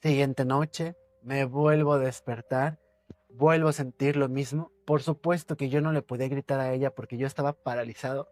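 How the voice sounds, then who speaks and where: A man, a podcast guest telling a personal ghost story with suspense, repeating words and dropping his voice low. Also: steady tone, normal speed, a little mellow, dry recording.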